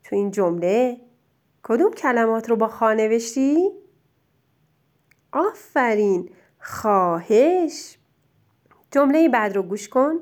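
Slow, encouraging woman dictating to a child. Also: fairly high pitch, animated. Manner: slow, drawn-out dictation of single words; gentle, encouraging teacher talk. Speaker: teacher.

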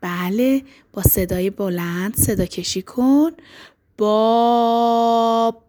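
A woman teacher leading a dictation lesson for young boys, affectionate and encouraging, drawing out letters and words slowly. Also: on the high side, expressive, darkish tone. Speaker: primary school teacher.

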